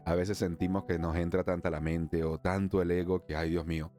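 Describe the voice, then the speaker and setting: A man from Venezuela hosting a solo spiritual podcast, chatty, laughing often, slowing down for emphasis and then speeding up. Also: low voice, level tone, a little mellow, soft background music. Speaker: podcast host, emotional wellness therapist.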